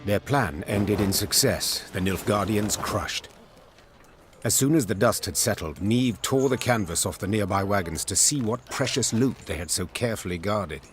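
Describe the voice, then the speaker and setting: A male narrator reading a game's storybook in a measured, dramatic way. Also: fairly low pitch, expressive.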